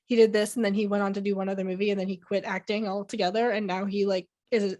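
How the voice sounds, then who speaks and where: A young woman co-hosts a casual film podcast. She rambles, restarts her sentences and fills the gaps with "like" and "um". Her voice sits at an ordinary middle pitch. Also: flat delivery, quick pace, warm tone. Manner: rambling, lots of fillers and restarts. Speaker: podcast co-host. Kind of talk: casual chat.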